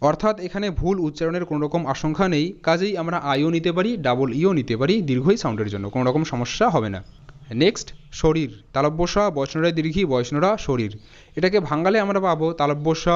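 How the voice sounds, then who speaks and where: A man with a fairly high, smooth and resonant voice gives a spelling lesson, breaking words into sounds and spelling them out letter by letter. The recording is dull and lo-fi. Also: a little mellow. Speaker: teacher.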